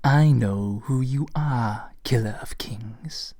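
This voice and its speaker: A man's voice: mid-range voice, warm tone, no echo, clean studio sound, close to an everyday voice. Man whispering as a menacing pale sorceress. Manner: slow, breathy whispering.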